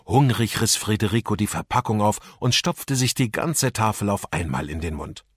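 A husky male narrator reads a children's story aloud with a lot of pitch movement. The sound is close and dry, with no room around it. He takes on a voice for each character. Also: normal speed, no room sound. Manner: lively voicing of characters. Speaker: audiobook narrator.

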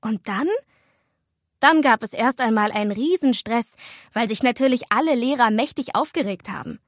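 A woman voicing a lively, chatty teenage schoolgirl in a storybook, talking quickly and dramatically. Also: a little high, no room sound, studio quality, natural voice. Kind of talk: storybook dialogue.

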